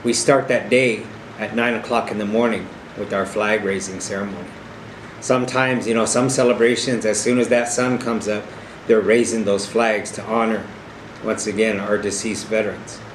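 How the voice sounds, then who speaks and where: A middle-aged or older man from South Dakota, United States, gives an earnest, informal educational talk as an experienced arena director, returning to emphatic phrases. His voice is fairly low and his pace moderate. The room is echoey, with a clear, steady hum in the background.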